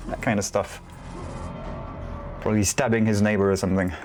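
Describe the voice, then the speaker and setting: A man's voice: on the low side, level tone, brisk, faint music behind. A man giving casual solo commentary on a competitive video game match, rambling with self-deprecating asides.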